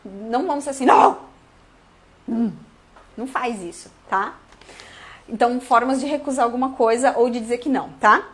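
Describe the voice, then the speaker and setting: A Brazilian woman with a Brazilian Portuguese accent, an English teacher chatting through a live online lesson in a lively way and acting out little dialogues. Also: a little high, a little fast.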